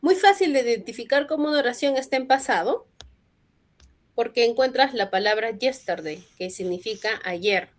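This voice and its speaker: A woman's voice: a little high, normal speed. A woman English teacher, patiently explaining grammar in a classroom lesson and often checking with short tag questions.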